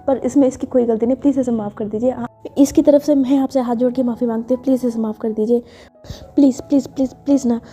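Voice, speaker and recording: A woman's voice: a little high, fairly even intonation, fast talker, dark tone, husky. A woman doing a bossy, exasperated best friend. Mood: pleading. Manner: pleading, then scolding. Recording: dull lo-fi with faint music.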